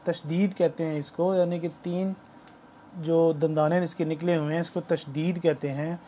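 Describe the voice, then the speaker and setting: A man giving a spoken lesson on Quran letter reading, patiently explaining and slowly spelling out letter drills aloud. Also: a little high, flat delivery, mellow, slight background noise. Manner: formal greeting to viewers.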